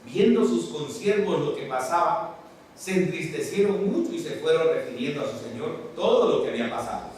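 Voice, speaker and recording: Animated preacher in an echoey hall. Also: male voice, on the high side, normal speed, slight background noise. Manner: animated, asks the congregation questions. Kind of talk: sermon. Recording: very echoey room from far off.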